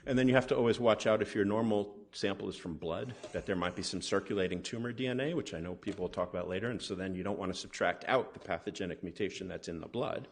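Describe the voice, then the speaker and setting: A man's voice: fairly low pitch, slightly rough. A man, a molecular pathologist, giving a conference lecture in a conversational way, often checking in with the audience. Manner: conversational, asks the audience "right?" and "okay?". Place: conference hall.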